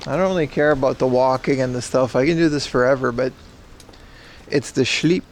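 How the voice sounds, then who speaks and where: Walking city streets outdoors, a male IRL streamer chats casually, reads the chat aloud, and jokes with mock outrage. His voice is medium-pitched and brisk, with a little hiss or hum on the audio.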